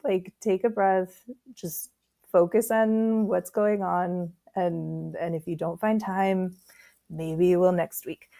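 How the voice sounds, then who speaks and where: A woman's voice: on the low side, steady tone, slow pace, vocal fry, mellow. Chatty woman podcast host, laughing easily. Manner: chatty storyteller, laughs often. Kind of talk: casual podcast conversation.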